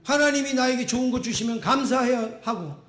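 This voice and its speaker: A man's voice: very high-pitched, fairly quick, a bit bright. A man pastor preaching a Sunday sermon, emphatic and repeating phrases for stress. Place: church sanctuary. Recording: echoey church room.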